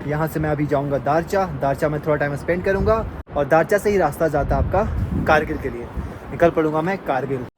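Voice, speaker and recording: A man's voice: a little high, fairly quick, very noisy. A young man chatting casually as a travel vlogger in a mountain village, often calling viewers brother and friends. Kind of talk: casual travel vlog narration.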